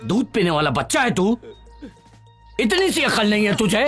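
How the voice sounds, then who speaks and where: A gruff police officer barks orders and scolds. His voice swings widely in pitch. Film music sits under the dialogue. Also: sing-song, moderate pace, fairly bright tone. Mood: commanding. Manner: commanding, scolding. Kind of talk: Hindi dubbed action film. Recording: film dub with background music.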